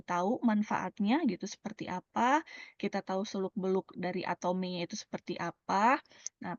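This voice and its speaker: A woman's voice: medium pitch, dry recording, dull audio. A woman, explaining a sales plan in a chatty way, full of fillers and tag words. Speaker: presenter sharing a sales plan. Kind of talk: casual explanatory talk.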